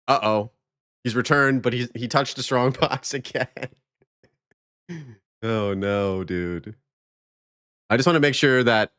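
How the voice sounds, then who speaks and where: Low-voiced man hosting a relaxed podcast. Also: dry recording, studio quality. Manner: laughs often, many "like" fillers. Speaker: podcast host. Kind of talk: casual live-streamed podcast chat.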